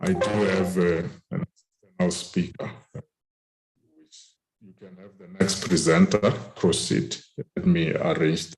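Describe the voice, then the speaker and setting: A man's voice: low voice, fairly even intonation, a little slow, gravelly, crowd noise, low-quality recording. A man giving a formal presentation over a group voice chat whose audio keeps breaking up.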